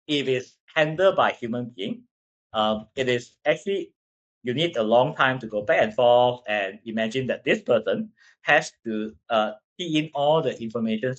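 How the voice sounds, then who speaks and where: A man with a Cantonese accent, a native Cantonese speaker, giving a slide presentation in halting English and often tagging sentences with a questioning check. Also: medium pitch, a bit bright, dull audio. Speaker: company presenter.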